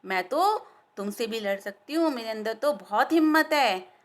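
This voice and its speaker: A woman's voice: fairly high pitch, animated, moderate pace, lightly acted. A woman voicing a proud, boastful little female fly in a children's story, talking with a taunting, cocky manner. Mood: defiant.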